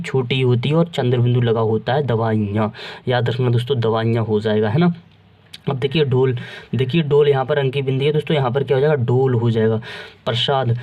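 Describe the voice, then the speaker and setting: A man's voice: medium pitch, darkish tone. A man teaching Hindi spelling, who keeps asking and answering his own questions and calls his listeners friends. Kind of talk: spelling lesson.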